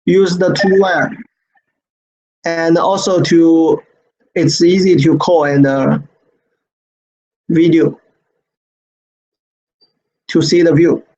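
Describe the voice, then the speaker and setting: A non-native English-speaking man leads an online product training over screen share, haltingly repeating phrases and tagging many lines with "right?". He has a fairly high, darkish voice with little pitch movement, heard through dull, lo-fi webinar audio.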